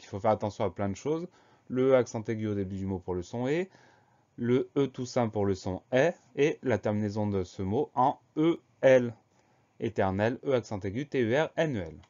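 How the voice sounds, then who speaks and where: A man's voice: mid-range voice, darkish tone. A man teaching a spelling lesson, patiently spelling out words letter by letter. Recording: slightly muffled recording.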